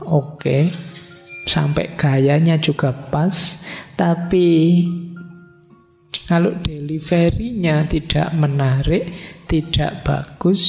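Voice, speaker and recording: Gravelly lecturer in a hall. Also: male voice, fairly high pitch, darkish tone. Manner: casual, teasing, mixes in Javanese words. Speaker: philosophy lecturer. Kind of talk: live lecture. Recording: lecture hall with long reverb, faint music.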